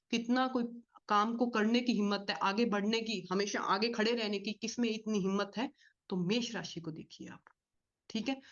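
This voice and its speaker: Fast-talking woman teaching astrology. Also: mid-range voice. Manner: fast-talking, explains with repeated rhetorical questions. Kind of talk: spoken class lecture. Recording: slightly dull lo-fi audio.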